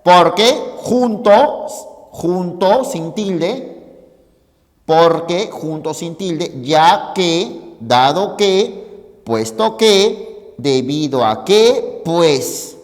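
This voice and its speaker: A Peruvian-accented man lecturing a class, his voice high and swinging widely in pitch. He talks unhurriedly and keeps checking that students follow along. The room adds a long echo. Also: expressive, extremely slow. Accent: Peruvian Spanish. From Peru. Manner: emphatic, asks students for agreement often. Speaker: teacher. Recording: hall reverb in classroom.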